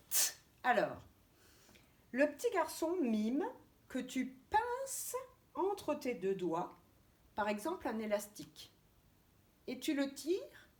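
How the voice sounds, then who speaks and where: Preschool teacher lady sounding out letters to little kids on camera, slow and bouncy, bit of hiss behind. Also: on the high side. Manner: lively, coaxing teacher's voice. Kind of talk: children's reading lesson by video. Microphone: camera mic.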